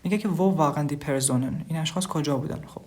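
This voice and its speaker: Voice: medium pitch, darkish tone. A language teacher giving a casual online lesson, reading short phrases aloud and then explaining each one at length while talking to the students as "kids". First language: Persian.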